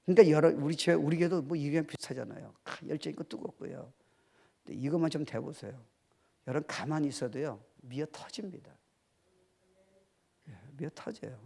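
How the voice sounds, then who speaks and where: A middle-aged man preaching a sermon as pastor, swinging from loud, emphatic exhortation to quiet, confiding asides. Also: fairly high pitch, a little fast, vocal fry, long pauses, slightly rough. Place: church sanctuary.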